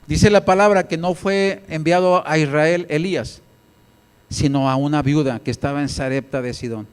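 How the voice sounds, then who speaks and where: A Mexican man preaches a Sunday sermon in a church, telling animated stories full of acted voices. His voice sits high for a man. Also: moderate pace, clear, resonant tone.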